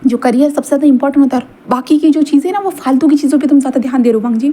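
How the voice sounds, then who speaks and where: A stern middle-aged father who scolds and lectures without pause, dropping a sharp "haan" between complaints, as a woman reader puts him on. The voice is high-pitched but darkly mellow, read aloud as a story. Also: close to an everyday voice. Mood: scolding.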